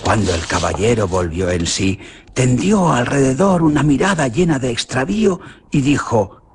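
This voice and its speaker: A man narrates a radio horror drama in a theatrical, expressive style at a moderate pace, his pitch swinging dramatically. The recording is noisy.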